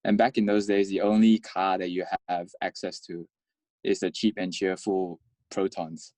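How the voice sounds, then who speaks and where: A man who grew up in Malaysia, a guest in a casual interview, talking haltingly and repeating words. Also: deep voice, flat delivery, darkish tone, dry recording.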